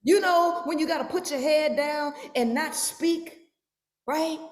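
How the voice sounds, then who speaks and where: A woman hosting a podcast, giving a mocking, profane reaction commentary with emphatic, sometimes shouted lines. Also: high voice, unhurried. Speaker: podcast host. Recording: roomy echo.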